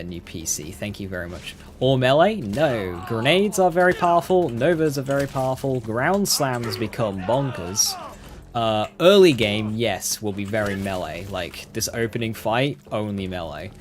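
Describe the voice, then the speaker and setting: A man's voice: lowish voice, expressive, moderate pace, faint music behind. A man giving casual, chatty live gameplay commentary, talking straight to his viewers. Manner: chatty, addresses viewers directly. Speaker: game streamer.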